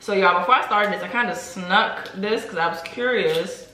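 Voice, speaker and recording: A woman's voice: medium pitch, moderate pace, sharp tone, a little hiss or hum. Upbeat young woman vlogger in a roomy room. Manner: upbeat, laughing, chatty. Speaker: vlogger host. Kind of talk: casual chat while eating. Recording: roomy home recording.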